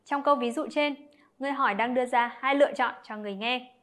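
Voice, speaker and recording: A woman explaining an English lesson to children, talking to her pupils directly and clearly. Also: on the high side, fast, fairly bright tone.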